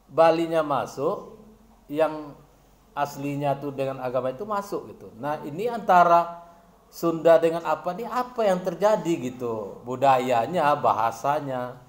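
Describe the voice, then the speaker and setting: A man's voice: a little high, roomy sound. A man acting as an academic supervisor, questioning a student about her research in long, rambling, searching questions with many restarts. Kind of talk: probing academic discussion.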